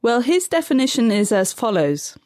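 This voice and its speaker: Woman guest expert, methodical and calm, dry close recording. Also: a little high, moderate pace, no echo. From Tanzania. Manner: calm, methodical, defines terms step by step. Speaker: guest expert on third culture kids. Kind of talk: measured explanatory interview answers.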